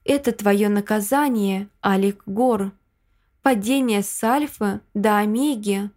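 A woman's voice: medium pitch, slow, a little mellow, natural voice. A woman voicing a commanding male werewolf prince who speaks in a growling, imperious way, in a Russian audiobook. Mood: stern.

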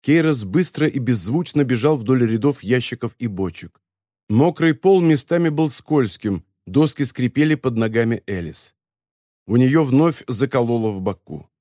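A man reading a story as an audiobook narrator, in an even, measured telling. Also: mid-range voice, dry recording, clean studio sound. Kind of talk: scripted narration.

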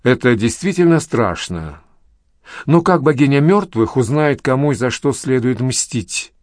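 A man's voice: medium pitch, lively intonation, a little slow, darkish tone, dry recording, natural voice. Man doing icy regal woman, commanding, mocking, audiobook reading, dry close sound. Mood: cold mocking. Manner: imperious, coolly mocking. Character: cold, commanding royal woman.

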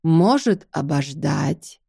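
Woman reading as a stubborn teasing young guy, low mellow voice, slow and lazy, dry sound. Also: animated, gravelly, slightly rough, no echo, exaggerated voice. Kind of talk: audiobook dialogue.

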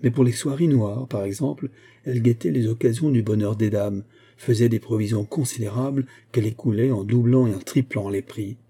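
A man giving a measured, scripted narration of a classic novel as an audiobook narrator. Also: mid-range voice, dark tone, slightly rough.

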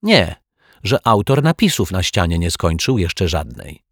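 A man reading a children's story, voicing a calm detective who reasons in a measured way. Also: low-pitched, no room sound, clean studio sound, full character voice. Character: calm, thoughtful male detective, good-humoured.

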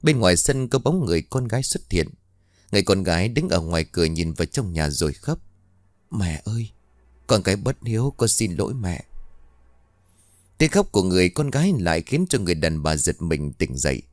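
Deep-voiced male ghost-story narrator. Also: very animated, quick pace, no room sound, clean studio sound.

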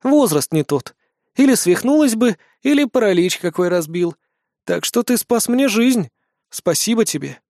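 A man's voice: high voice, expressive, moderate pace, darkish tone, no room sound, clean studio sound, pitched above the performer's own voice. A man voicing a weakened, shaken older woman medium in an audiobook, speaking in a weary, subdued way.

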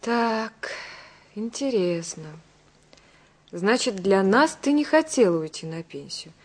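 A sharp-tongued, resentful young woman in a family drama. Her voice is husky and lively in pitch, with a sarcastic edge. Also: takes it slowly. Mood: bitter, accusing. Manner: sarcastic, accusing. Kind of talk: naturalistic drama acting.

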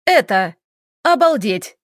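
A woman voicing an impulsive young vampire bride in quick, emphatic bursts. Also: a little high, sing-song, dry recording, studio quality. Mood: angry.

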